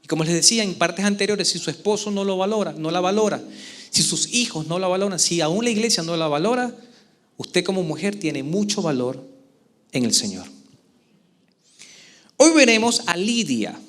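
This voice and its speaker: A man preaching a sermon as pastor to a church congregation, with expressive delivery and frequent questions to the listeners. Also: high-pitched, moderate pace, long pauses. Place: church service before a congregation.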